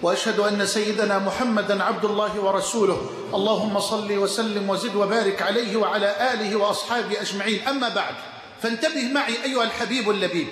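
A man with an Egyptian accent delivering a Friday sermon, impassioned, swinging between shouts and hushed tones, in a mosque. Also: high voice, fairly even intonation, fast. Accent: Egyptian Arabic. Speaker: preacher. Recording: echoey hall with faint ambient noise.

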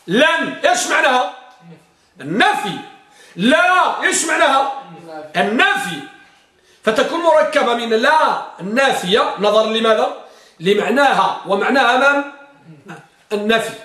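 A man's voice: very high voice, bright, forceful tone, echoey room. A man teaching a grammar lesson, quizzing his students with repeated questions and reciting in a sing-song lilt.

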